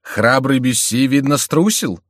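A man's voice: mid-range voice, animated, unhurried, a bit bright, dry recording, studio quality, pitched above the performer's own voice. A man voicing a mocking, sceptical Gascon nobleman itching to fight. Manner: sneering and doubtful.

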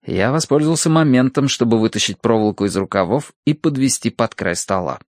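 Man narrating with a lively, wry voice. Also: mid-range voice, fairly quick, dry recording, studio quality. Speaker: audiobook narrator. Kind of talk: scripted first-person narration.

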